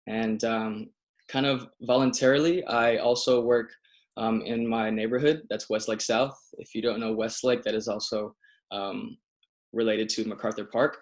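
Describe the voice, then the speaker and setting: A man, an urban designer, listing his projects at a panel over a video call, with many fillers. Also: medium pitch. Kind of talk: panel presentation with slides.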